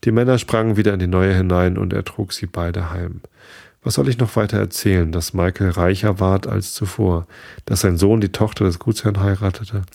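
Low, gravelly male storyteller. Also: darkish tone, no echo, clean studio sound. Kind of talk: reading a fairy tale aloud.

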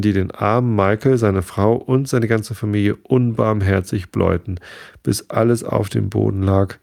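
A man reading a fairy tale aloud in a steady, measured way. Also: fairly low pitch, creaky, no room sound, studio quality. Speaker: narrator. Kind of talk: storybook reading.

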